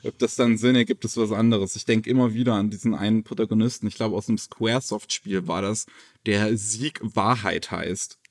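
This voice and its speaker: A man hosting a casual podcast, presenting anime news in a relaxed, chatty way with plenty of fillers. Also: on the low side, a little fast, dry recording. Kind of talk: casual chat.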